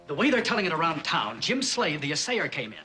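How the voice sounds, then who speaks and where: A man's voice: fairly high pitch, very animated, fast, bright, forceful tone, soft background music. An actor playing a meek, deferential henchman reporting to his boss in a TV western. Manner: apologetic, deferential. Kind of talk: TV western drama acting.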